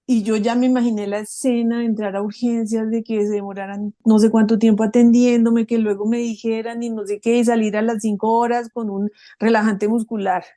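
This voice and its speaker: Warm, animated middle-aged woman. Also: fairly high pitch, no room sound. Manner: animated, storytelling, emphatic. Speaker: podcast co-host. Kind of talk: casual conversational talk.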